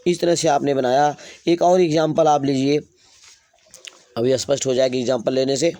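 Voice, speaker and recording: A male teacher giving a grammar lesson in Hindi, dictating example sentences slowly. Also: medium pitch, steady tone, warm tone, no echo. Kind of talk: classroom lesson.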